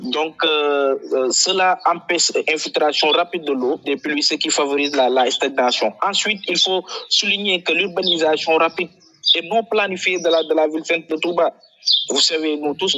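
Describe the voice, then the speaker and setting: A man answers a radio interviewer, stumbling and repeating words as he searches for them. His voice is bright and fairly high. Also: dull audio. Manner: hesitant, many repeated words and fillers. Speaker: flood prevention activist, guest.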